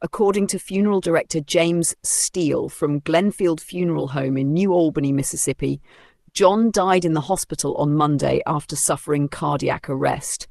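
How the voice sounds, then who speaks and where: A channel narrator giving a formal, even, sombre scripted news read. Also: medium pitch, moderate pace, vocal fry, dry recording.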